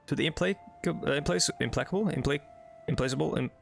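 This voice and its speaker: Faint music plays behind a young Norwegian man whose high, creaky voice races along as he hosts a let's play. His accented English wanders, packed with fillers and casual chatter while he reads game text.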